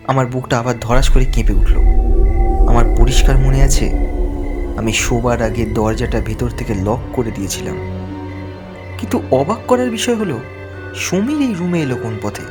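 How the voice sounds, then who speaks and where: A man with a natural, mid-range voice acts as a scared young man telling the story of his haunted-house visit. His first-person horror narration is dramatic and suspenseful, set against music.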